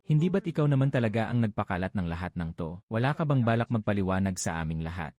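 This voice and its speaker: A man's voice: fairly low pitch, sing-song, fast, darkish tone, dry recording. A man dubbing drama characters, speaking in a firm, composed manner. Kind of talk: Tagalog drama dub.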